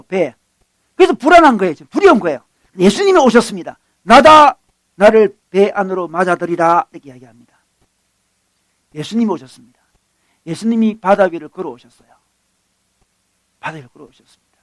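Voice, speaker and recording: A pastor delivering a sermon, preaching emphatically and swinging between loud bursts and quiet asides. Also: male voice, sits high, no room sound.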